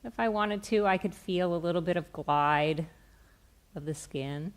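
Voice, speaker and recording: Woman, middle-aged, slightly low pitch, gentle, soft-spoken, live step-by-step demonstration. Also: unhurried. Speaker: therapist giving a demonstration. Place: on a stage in a theatre, indoors.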